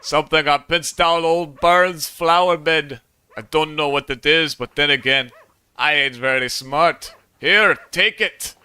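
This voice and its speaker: Hammy Scottish groundskeeper, grumpy and rough-spoken, a man doing the voice, bright and clean. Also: fairly high pitch, measured pace, no echo. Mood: gruff. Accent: put-on Scottish. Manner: reads lines in a hammy, gruff dialect.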